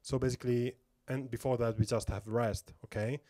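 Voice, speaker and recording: A man's voice: medium pitch, fairly even intonation, moderate pace, mellow. A man giving a step-by-step drum lesson, counting beats aloud and often checking in with "okay?". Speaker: drum teacher. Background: metronome clicks.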